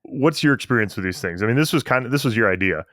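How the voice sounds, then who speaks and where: Guy cohosting a podcast, easygoing chat, laughs a lot, mid pitch, dry close mic sound. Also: lively intonation, quick pace, fairly bright tone, no echo. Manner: chatty, laughs often, self-restarting. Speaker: podcast co-host.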